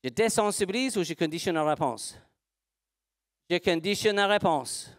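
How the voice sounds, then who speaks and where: A man's voice: sits high, lively intonation, moderate pace, dry recording, clean studio sound. A man, a horse trainer speaking slightly broken French in a live seminar demonstration, asking rhetorical questions and answering them himself.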